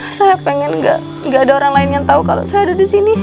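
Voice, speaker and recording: A woman's voice: high-pitched, fast talker, gravelly. An actress playing a sorrowful, meek young woman who ran from a cruel stepmother. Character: sad young woman fleeing her stepmother. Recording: guitar music behind the voice.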